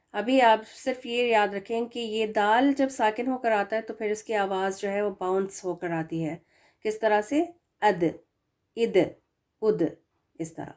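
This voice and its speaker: A woman teaching Quran recitation, explaining each letter slowly, sounding out syllables and drawing out example words. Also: mid-range voice, darkish tone. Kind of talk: spoken lesson on letter pronunciation.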